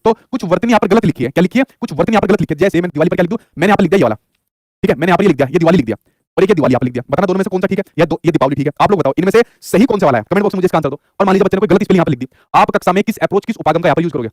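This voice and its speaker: A man's voice: high voice, animated, darkish tone, dry recording, studio quality. A man teaching an exam-prep lesson, asking questions and answering them himself. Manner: rapid, repeats his own questions back to the viewer.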